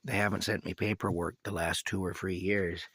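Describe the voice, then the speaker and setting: A sick man with a cough, giving a casual, rambling video update from inside his camper, halting and restarting often. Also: deep voice, level tone, a bit bright, slightly rough, no echo. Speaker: vlogger giving a personal update.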